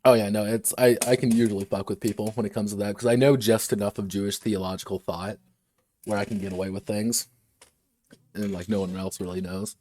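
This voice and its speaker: A man's voice: on the low side, little pitch movement, fairly quick, warm tone. A man who designs games, chatting casually on a livestream at his desk, wandering between asides and restarting his sentences. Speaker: game designer streaming a workshop.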